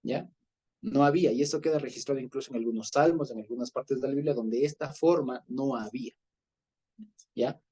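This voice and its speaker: A man leading an informal Bible study, explaining patiently, checking in with his listeners and pausing on fillers as he searches for words. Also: mid-range voice, warm tone, husky. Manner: explanatory, often checks in with a questioning "ya?"; hesitant, with fillers and restarts.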